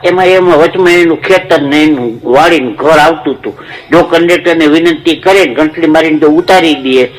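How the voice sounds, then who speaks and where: A man's voice: on the high side, a bit bright, rough recording. A man, telling jokes and moral stories as a stage comedian, in a folksy, preachy way. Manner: preachy storytelling with proverbs.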